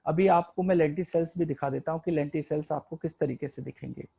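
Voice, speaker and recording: Man, biology teacher, gravelly voice, dark tone, quizzes and answers himself, English terms mixed in. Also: on the high side, fairly even intonation, fast talker. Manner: asks and answers his own questions, mixing Hindi with English terms. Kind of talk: online lecture explaining a diagram.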